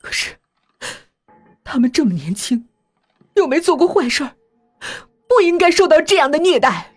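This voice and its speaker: A woman's voice: high voice, very animated, brisk, sharp tone, no echo, faint music behind, pitched above the performer's own voice, exaggerated voice. A woman voicing a distraught young male doctor who speaks in a trembling, pleading voice.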